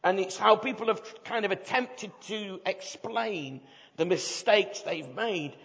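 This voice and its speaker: High-voiced Bradford man preaching in an echoey hall. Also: measured pace, creaky, a bit bright. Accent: Bradford, West Yorkshire. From Bradford, England. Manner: chatty, jokey, uses rhetorical tag questions. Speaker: evangelist, guest preacher. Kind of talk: informal humorous sermon to a live audience. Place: large reverberant hall, speaking to an audience. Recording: echoey hall PA, slightly dull.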